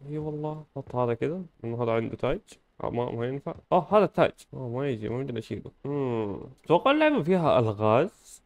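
A man commenting on gameplay casually, playful and joking with bursts of loud exclamation. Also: mid-range voice, dry recording. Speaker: gaming channel host.

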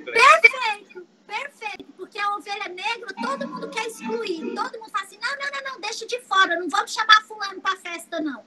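A Brazilian woman with a strikingly high voice explains family constellation ideas through anecdotes. Her tone is bright and forceful, and she repeats key phrases for emphasis. A faint noise sits under the recording. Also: quick pace, few pauses, poor audio. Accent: Brazilian Portuguese. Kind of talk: teaching talk with anecdotes.

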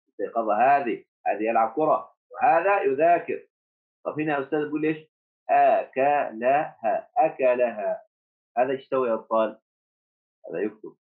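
A man teaching first graders online, encouraging the class, repeating words slowly and asking them questions. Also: mid-range voice. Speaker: primary school teacher. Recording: tinny phone-like audio.

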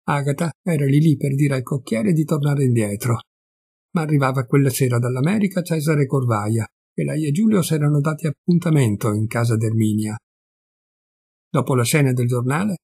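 A man reading a classic story aloud as an audiobook, in a measured, expressive way. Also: medium pitch, vocal fry, slightly rough, no echo, studio quality. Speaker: audiobook reader. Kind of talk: literary reading.

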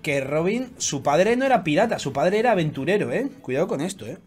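A man with a Spain Spanish accent gives excited reaction commentary in a high voice. He breaks into loud exclamations and swears often. Faint music plays behind him. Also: a little fast, husky. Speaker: YouTuber reacting to a manga chapter.

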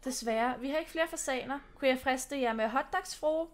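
A woman's voice: high voice, natural voice. A woman reading the lines of a friendly, chatty young stable girl from a horse game.

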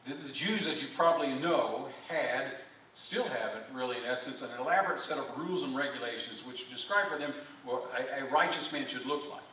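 A male pastor preaching a sermon, animated, with rhetorical questions and repeated phrases, recorded from a distance in a church. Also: medium pitch, fairly quick. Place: church sanctuary. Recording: echoey church from a distance, faint room noise.

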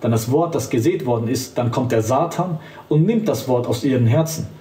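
A man's voice: medium pitch, brisk, mellow. A man preaching as an evangelist, fervent and emphatic, speaking directly to the listener. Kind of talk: street-style preaching to camera. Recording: roomy sound, voice from a distance.

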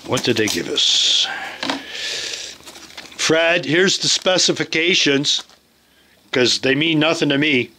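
A man's voice: a little high, animated, takes it slowly, pauses often, slight background noise, rough recording. A man hosting a casual studio visit, joking loosely and swearing now and then. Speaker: video host. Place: recording studio.

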